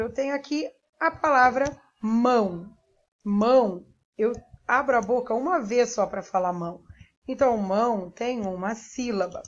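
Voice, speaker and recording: A Brazilian woman teacher giving a primary school lesson, patiently spelling out sounds and syllables one by one. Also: on the high side. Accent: Brazilian Portuguese. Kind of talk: remote classroom lesson. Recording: dull lo-fi recording.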